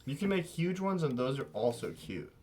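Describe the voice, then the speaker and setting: A man's voice: fairly high pitch, animated, moderate pace, a little mellow. A man co-hosting a casual drawing tutorial, talking in a rambling, playful way and often correcting himself. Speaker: art show co-host.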